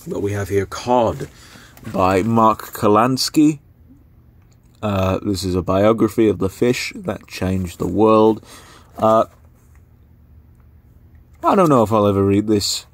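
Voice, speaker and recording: A young man casually talking through books he is giving away, rambling with lots of fillers. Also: lowish voice. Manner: rambling, filler-heavy, unhurried. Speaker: book vlogger. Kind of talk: casual spoken book review.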